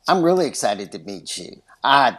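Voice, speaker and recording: A man's voice: mid-range voice, sing-song, normal speed, fairly bright tone. A man with a West Texas twang, chatting casually and enthusiastically as a podcast guest. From West Texas, USA. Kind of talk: casual chat.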